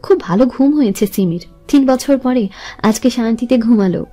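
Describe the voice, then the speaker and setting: A woman storyteller reading a romance in a smooth, even narrating voice. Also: fairly high pitch, normal speed, soft background music.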